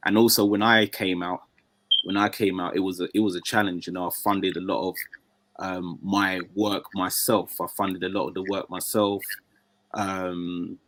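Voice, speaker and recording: A man's voice: deep voice, little pitch movement, moderate pace, a bit bright, a little hiss or hum. A man speaking as a guest in a casual conversation, with many fillers and restarts.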